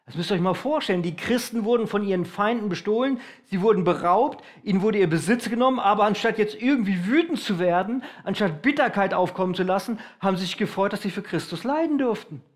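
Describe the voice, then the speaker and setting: Male preacher, high-pitched, emphatic, stretches key phrases. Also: expressive. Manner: emphatic, varies loudness, slows for stress. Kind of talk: sermon.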